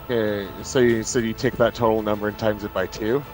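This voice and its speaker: A man's voice: fairly low pitch, steady tone, brisk, over music, low-quality recording. A man playing in a tabletop game, talking in an easygoing, casual way. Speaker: player.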